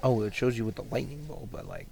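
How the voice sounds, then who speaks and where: A man's voice: medium pitch, huge pitch swings, quick pace, vocal fry, mellow, a little hiss or hum, poor audio. A man casually talking through a strategy game match, rambling with lots of fillers and restarts. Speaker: gamer commentating his match. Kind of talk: casual gameplay commentary.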